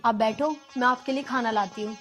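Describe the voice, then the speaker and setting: An actress playing a patient young daughter-in-law who pleads earnestly. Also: female voice, high-pitched, moderate pace, faint music behind, lightly acted. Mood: pleading. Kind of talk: rural comedy drama acting.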